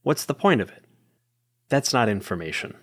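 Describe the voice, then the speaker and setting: A man with a fairly low, sing-song voice talks at a normal speed as a player in a tabletop roleplaying game. He's casual about it, describing what his character does while thinking out loud and rephrasing as he goes.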